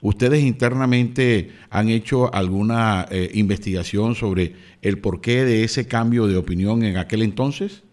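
A man's voice: fairly low pitch, measured pace, darkish tone. A man, a radio journalist, asking a long question with hesitant fillers. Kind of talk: news interview.

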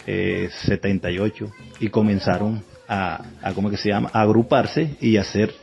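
Lowish-voiced Colombian Caribbean man telling a story. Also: fairly even intonation, moderate pace, creaky, darkish tone, dull audio, faint music behind. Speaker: folk dance group heir, interviewee. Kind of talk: informal interview storytelling.

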